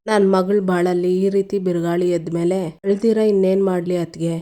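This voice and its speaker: A scheming mother begging through tears, as a woman narrator puts her on, in a soft, mellow voice with little melody. She sounds like a serial villain putting on a humble act. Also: on the low side, flat delivery, moderate pace, close to an everyday voice. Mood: pleading. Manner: pleading, tearful. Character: tearful scheming mother pleading with sister-in-law.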